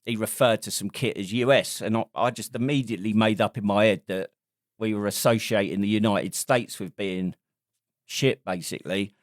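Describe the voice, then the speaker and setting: A British army veteran co-hosts a podcast, keeping the casual chat easygoing and steering it with questions. His voice is lowish with fairly even intonation at normal speed, in a dry, studio-quality recording.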